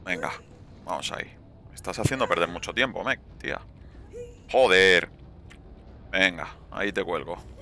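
Gravelly Spanish man taunting as he plays. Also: low voice, expressive, normal speed, pauses often, sharp tone, slight background noise. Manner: swears, taunts players. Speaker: gameplay commentator. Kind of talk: live gameplay commentary.

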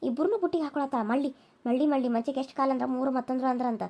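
A woman's voice: high voice, quick pace, lightly acted. A woman voicing a jealous, taunting elder sister-in-law in a cartoon serial, with a North Karnataka Kannada accent. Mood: scheming. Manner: sharp, taunting.

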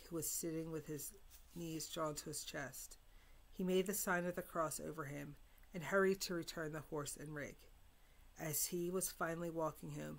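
Woman reading a novel aloud, gravelly. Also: low voice. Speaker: reader.

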